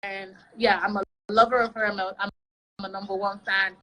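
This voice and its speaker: A woman comedian telling her story in a casual interview, animated and laughing often as she acts out what people said. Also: mid-range voice, normal speed, rough recording. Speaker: guest comedian.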